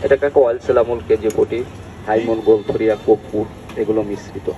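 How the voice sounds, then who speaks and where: A man's voice: fairly low pitch, level tone, fairly quick, dull audio. Older male street hawker, noisy roadside. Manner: folksy, repeatedly addresses listeners as uncle and brother. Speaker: street vendor of herbal pain oil. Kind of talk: street sales pitch. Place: outdoors on a busy street. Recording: noisy outdoor street with traffic.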